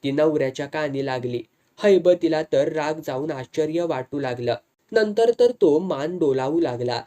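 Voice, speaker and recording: A storyteller narrating a village tale in a measured, dramatic way. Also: mid-range voice, mellow.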